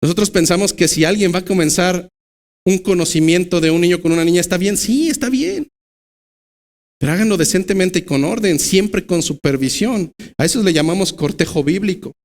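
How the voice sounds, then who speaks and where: A man with a Mexican Spanish accent delivers a church sermon. His voice sits high for a man. He swings from loud, emphatic bursts to slow, low stresses. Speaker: pastor.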